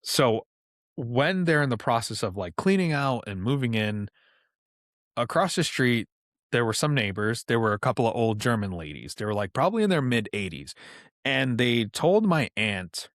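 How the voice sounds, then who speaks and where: This man's mid-range, sing-song voice moves at a moderate pace and sounds fairly bright as he tells stories as a podcast guest. His chat is loose, peppered with "like" and casual swearing, recorded cleanly in a studio with no echo.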